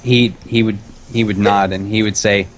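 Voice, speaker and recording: A man narrating as game master of a tabletop game, halting and restarting as he goes. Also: on the low side, fairly even intonation, faint music behind.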